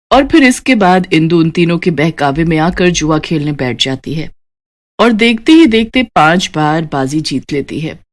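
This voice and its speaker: A woman narrating a cartoon story in a calm, even telling. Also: low voice, normal speed.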